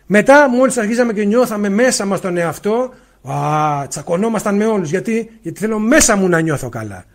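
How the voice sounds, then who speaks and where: A man giving a spiritual talk on a livestream, speaking loudly and emphatically into a faulty mic and asking rhetorical questions. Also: sits high, animated. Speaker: spiritual teacher. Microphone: faulty mic, spoken loudly into it.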